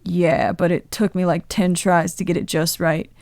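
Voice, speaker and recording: A woman's voice: on the low side, flat delivery, vocal fry, a little mellow, no room sound, clean studio sound. A woman reading as a bashful young man. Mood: wistful. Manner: bashful, halting confessional storytelling. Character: young man, twenties, sheepish and tender.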